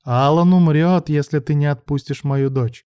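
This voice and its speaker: A man voicing a cruel, scheming older woman who drags out her words with slow mockery. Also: fairly high pitch, mellow, clear, resonant tone, dry recording, voice pushed up, lightly acted. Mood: menacing. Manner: slow mocking drawl. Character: scheming cruel older mother, female villain.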